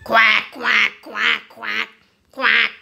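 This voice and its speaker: A woman reading a children's storybook aloud and voicing a loud, chatty female duck who quacks and shouts. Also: fairly high pitch, completely flat delivery, very slow, creaky, heavily acted. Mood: loud cheerful.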